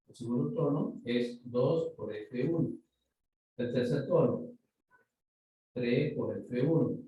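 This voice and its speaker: Guy teaching a class online, keeps asking if it's clear, echoey room, mic kinda far. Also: fairly high pitch, dark tone. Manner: explanatory, checks in with students. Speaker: university lecturer. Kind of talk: online physics lecture. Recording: roomy, distant mic, faint ambient noise.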